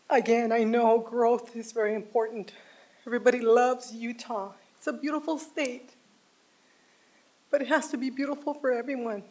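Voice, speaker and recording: A woman's voice: fairly high pitch, darkish tone. An older woman making a heartfelt, emotional public comment as a resident at a city planning meeting, speaking from a podium microphone. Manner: heartfelt, pleading, slow and deliberate. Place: city council chamber.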